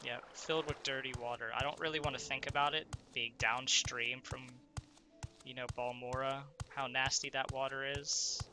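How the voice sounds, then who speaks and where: Background noise surrounds a let's-play gamer whose stuffed-up, congested voice sits at medium pitch with little movement and a moderate pace. He talks casually through his play, thinking out loud and posing questions to himself.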